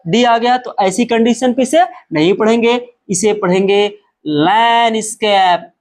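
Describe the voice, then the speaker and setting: This man, whose voice is very high and a little mellow, teaches a spoken lesson with emphatic explanation. He asks his own questions and answers them, repeating example words in a slow, drawn-out way.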